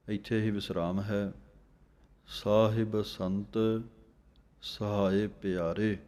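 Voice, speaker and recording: A man gives a slow, patient recitation lesson. His voice sits fairly low and flat. He chants each verse and then spells it out letter by letter. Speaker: Sikh scripture teacher.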